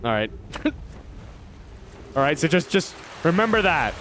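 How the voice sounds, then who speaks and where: A man's voice: on the high side, big pitch swings, slow, a bit bright, slight background noise. A man streaming a game, chatting casually, swearing and ranting in mock outrage at his chat, then muttering to himself as he plays. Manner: rambling, muttering to himself while playing. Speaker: livestreamer. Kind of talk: casual gaming livestream chat.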